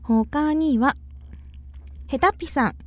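A woman with a Kyushu Japanese accent hosts a casual radio show, reading out listener mail with a playful, chatty manner. Her voice sits a little high. The recording is dry and close, with no room sound. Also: slow, no room sound. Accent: Kyushu Japanese dialect. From Kumamoto, Japan. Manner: playful, chatty, often slips into dialect.

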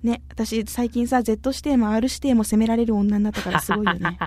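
A woman with a Kyushu Japanese accent hosts a casual radio show, reading out listener mail with a playful, chatty manner. Her voice sits a little high. The recording is dry and close, with no room sound. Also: fairly even intonation, brisk, a little mellow, no echo. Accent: Kyushu Japanese dialect. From Kumamoto, Japan. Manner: playful, chatty, often slips into dialect.

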